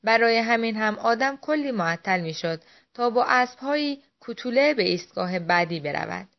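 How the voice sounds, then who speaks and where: A woman narrating a classic adventure novel as an audiobook, clear and expressive. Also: fairly high pitch. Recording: dull lo-fi audio.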